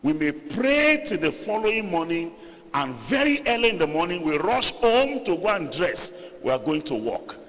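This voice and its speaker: A Nigerian Yoruba pastor preaches emphatically in a reverberant church hall, rising to loud, stressed phrases before dropping low. His voice swings widely in pitch at a normal speed.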